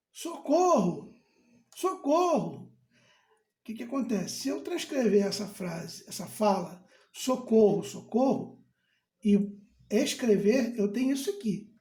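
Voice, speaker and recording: A man teaching grammar in a casual, deliberate way, repeating key terms and answering imagined student questions. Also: high voice, warm tone. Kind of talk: casual explanatory lesson. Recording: roomy echo.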